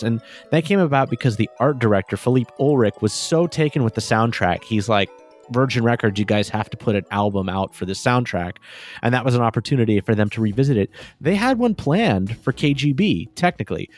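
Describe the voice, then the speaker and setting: A man co-hosting a casual podcast, chatty and quick to laugh, often trailing off into asides. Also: medium pitch. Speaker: podcast co-host. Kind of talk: casual chat about game music.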